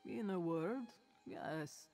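A woman playing a calm, sly cat-creature scout in a fantasy game, speaking in measured, formal phrases. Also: lowish voice, faint music behind, exaggerated voice. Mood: calm, scheming. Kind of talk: scripted fantasy game dialogue.

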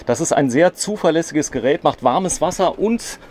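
In a caravan on the floor of a noisy indoor trade fair, a man does a relaxed on-site interview as a reporter. His fairly high, darkish voice has lively intonation and a moderate pace. He is chatty and often tacks on quick tag questions.

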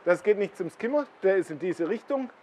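A man's voice: high voice, animated, fairly quick, a little mellow, a little hiss or hum. A man hosts a koi blog, explaining things casually at a pond and pointing them out to the viewer.

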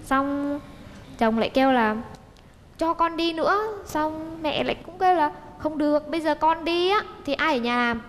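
A woman's voice: sits high, normal speed, long reverb tail, a little hiss or hum. A young woman chats on a TV talk show. She tells her stories as a guest, linking one event to the next with "xong", and mimics the people she quotes. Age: young adult. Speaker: guest daughter-in-law. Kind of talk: casual storytelling on a TV talk show.

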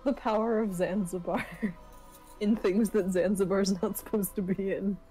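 Slow-talking woman at a dnd table, mellow low-key voice, laughs a lot, faint music behind. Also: steady tone, low-quality recording. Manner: laid-back, laughs often, drawn-out remarks. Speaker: player. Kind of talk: casual tabletop game chat.

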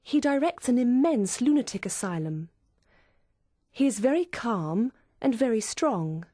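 A woman's voice: a little high, big pitch swings, a little slow, dark tone, dry recording, clean studio sound. A woman voicing a young woman who reads out confiding, gushing letters to her friend.

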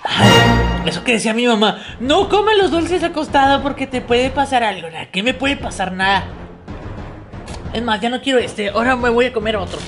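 High-pitched silly clown kid. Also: male voice, expressive, normal speed. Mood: gleeful, greedy. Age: young adult. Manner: silly clown voice, whiny, exclaiming, childlike. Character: silly greedy childlike clown sneaking candy. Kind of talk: slapstick children's sketch comedy. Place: tiled living room and kitchen at home. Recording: roomy, loud music over voice.

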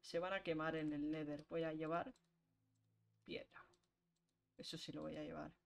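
A woman's voice: low voice, flat delivery, gravelly. Chatty streamer woman. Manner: chatty, talks to chat while playing, quick laughs. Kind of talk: casual gameplay chat.

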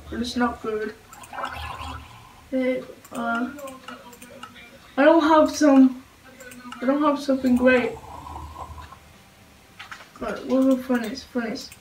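A woman hosting let's-play gameplay commentary, panicky and yelping, with halting speech that repeats and restarts phrases. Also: sits high, a little mellow, recorded from a distance, a little hiss or hum. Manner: panicky, frequent yelps and exclamations. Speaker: gamer host. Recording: roomy, off-mic, with game music.

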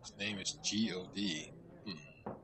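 A man's voice: sits low, slow, noisy background. A man casually commenting as he plays a video game, playful and joking. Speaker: game streamer. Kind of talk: casual let's-play commentary.

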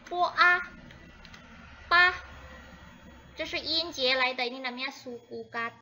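A female primary teacher with a high, very bright and piercing voice leads a lesson for first graders. She speaks patiently, keeps checking in with the children, and calls out each syllable loudly and slowly for them to copy. She moves between Indonesian and Mandarin as she teaches. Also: a little hiss or hum, low-quality recording. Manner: patient, repeats "ya" and "anak-anak" constantly; drawn-out, loud modeling of syllables.

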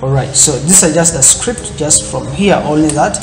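At normal speed, a man with a higher-leaning voice talks in an echoey room as music plays behind him. As host of a screen-recorded tech tutorial, seen in a corner webcam indoors, he walks through each step with loose, repeated phrasing and frequent fillers.

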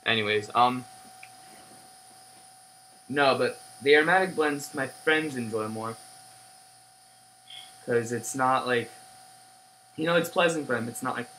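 Recorded on a webcam at his living room desk, a young pipe tobacco reviewer chats loosely and unscripted, his halting sentences often trailing away. The audio hums and is noisy, and his voice is medium in pitch with a sharp edge.

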